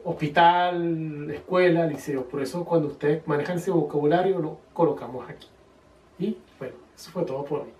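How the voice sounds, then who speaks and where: A man teaching a casual video lesson who slowly explains grammar and spells out example phrases. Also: fairly high pitch, darkish tone. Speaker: Chinese teacher. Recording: echoey room, voice a bit far from the mic.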